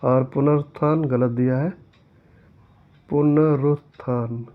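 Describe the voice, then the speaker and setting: A man walks through exam answers as a teacher, reading each question aloud before correcting it step by step. His voice sits at an ordinary middle pitch. The sound is thin and tinny, as if heard over a phone. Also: measured pace. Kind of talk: exam-prep lesson explaining answers.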